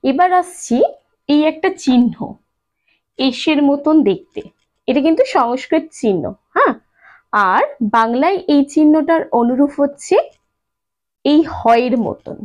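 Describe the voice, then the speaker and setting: A woman teaching a language lesson to her students, patiently repeating and slowly spelling out each sound. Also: high voice, a little mellow. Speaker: Sanskrit teacher. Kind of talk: spoken lesson addressed to students. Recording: dull lo-fi sound.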